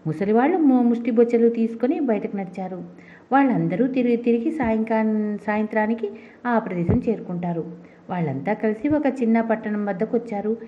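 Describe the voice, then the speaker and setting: Brief: woman storybook narrator, steady reading, dull lo-fi sound. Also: a little high, a little fast. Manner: steady reading with small restarts. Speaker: audiobook narrator. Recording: dull lo-fi recording.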